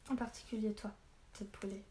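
A woman reading the part of a gruff, blunt middle-aged tavern keeper in a storybook. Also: medium pitch, flat delivery, fairly quick, noisy background, lightly acted. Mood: stern. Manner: blunt, stern.

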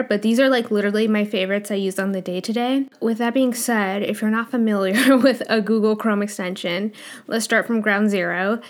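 A woman with a noticeable lisp hosting a podcast, talking casually and informally with plenty of "like" as filler. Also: a little high. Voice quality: strong lisp. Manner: informal, filler-heavy with frequent "like". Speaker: podcast host. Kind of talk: casual chatty podcast monologue.

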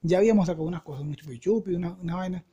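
A young Venezuelan man with a mellow, relaxed tone tells a story on a podcast. He is full of slang and jumps into little voices for everyone in it. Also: high voice, rapid-fire, husky, dull audio. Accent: Venezuelan Spanish. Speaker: podcast co-host. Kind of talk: casual storytelling chat.

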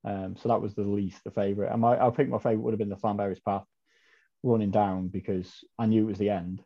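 A man's voice: on the low side, little pitch movement, quick pace, mellow. A man, a podcast guest telling a long story in a chatty, rambling way with many ums and self-corrections. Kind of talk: casual storytelling chat. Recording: dull lo-fi audio.

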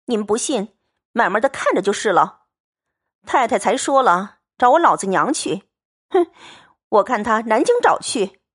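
A woman's voice: fairly high pitch, expressive, normal speed, pauses often, breathy edge. Woman doing Yuanyang, a fierce defiant young maid. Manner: sharp, scolding.

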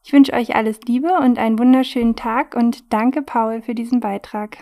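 A woman hosting a podcast, introducing a guest softly and hesitantly, with fillers. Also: fairly high pitch, fairly even intonation, moderate pace. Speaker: podcast host.

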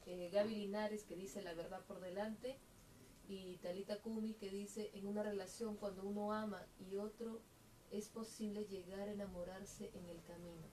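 A woman reads viewer comments aloud in a quiet, mellow voice, sitting away from the microphone. A faint noise hangs in the background. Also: medium pitch, fairly even intonation, normal speed, recorded from a distance, low-quality recording. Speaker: co-host reading viewer comments.

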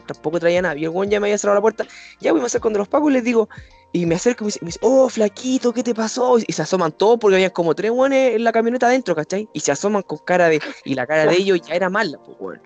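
A young man with a Chilean accent, telling a personal story in a slangy, animated way and putting on the voices of the people in it. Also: sits high, racing, faint music behind. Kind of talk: casual storytelling.

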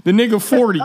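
A man co-hosting a podcast, chatting loosely and joking in slangy banter. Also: very high voice. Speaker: podcast host. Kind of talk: casual chat.

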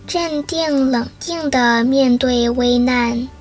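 Woman narrator for scripted folk tales; high, breathy, very slow delivery. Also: faint music behind. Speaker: storyteller.

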